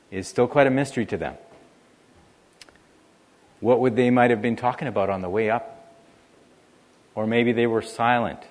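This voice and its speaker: Low-voiced male pastor preaching. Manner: conversational preaching with varied emphasis. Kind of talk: sermon.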